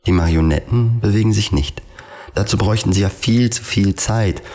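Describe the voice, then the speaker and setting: A man reading a surreal literary story aloud in a measured, deliberate storytelling manner. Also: on the low side, darkish tone. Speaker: narrator.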